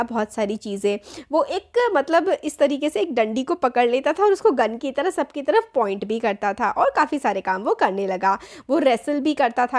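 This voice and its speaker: A young woman talks through a school chapter in a relaxed teaching tone. Her voice sits high, and she keeps rephrasing to make each point clear. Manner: explains in Hindi mixed with English terms, rephrases with "matlab". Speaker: teacher, channel host. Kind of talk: casual explanatory lesson.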